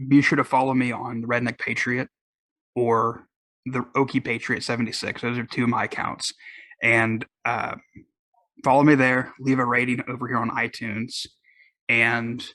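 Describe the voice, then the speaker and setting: A man's voice: medium pitch, bright, forceful tone, no room sound. A man with a Southern US accent hosting his own podcast, rambling casually with many restarts and fillers. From Oklahoma. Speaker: podcast host. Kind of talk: casual solo podcast talk.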